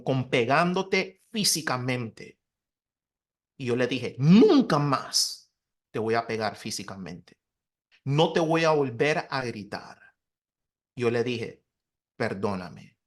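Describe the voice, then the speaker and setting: A man in his thirties, a pastor, giving an earnest, confessional personal testimony in conversation, his voice dropping softly at emotional points. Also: medium pitch. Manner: earnest, confessional, soft-spoken with emotional dips.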